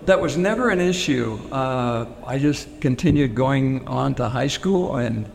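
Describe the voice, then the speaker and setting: Recorded with long reverb and faint noise, this oral history interview features a Pennsylvania man, a native Pennsylvania Dutch speaker, remembering his childhood. His medium-pitched voice is expressive, gravelly, and darkish, and he speaks unhurriedly but hesitantly, full of fillers and restarts.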